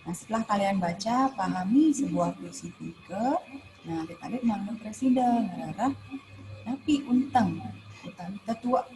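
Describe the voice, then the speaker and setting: A woman's voice: medium pitch, moderate pace. A woman teacher with a Balinese accent explaining poetry in an online class, full of "nah" and "ya" fillers. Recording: noisy livestream audio with background hum.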